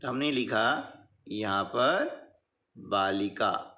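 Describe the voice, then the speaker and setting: Guy teacher going real slow, bright voice, keeps checking you got it. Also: fairly low pitch, lively intonation, dull audio. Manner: patient, repeats "है ना" and "ठीक है" often. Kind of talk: slow classroom explanation.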